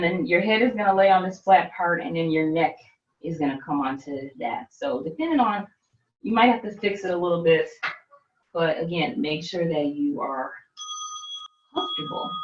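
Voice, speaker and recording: A woman teaching restorative yoga, speaking calmly and without hurry while she shows the poses. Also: on the low side. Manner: calm, unhurried, talks while demonstrating. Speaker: yoga instructor. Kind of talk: gentle instructional yoga class. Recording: roomy, distant mic, dull sound.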